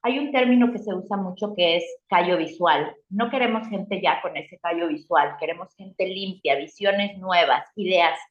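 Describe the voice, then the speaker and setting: A middle-aged woman with a Mexican accent tells her career story in a casual interview and acts out her own past reactions with lively voices. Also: lowish voice, moderate pace, hardly any pauses. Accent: Mexican Spanish. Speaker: guest. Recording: roomy, slightly dull sound.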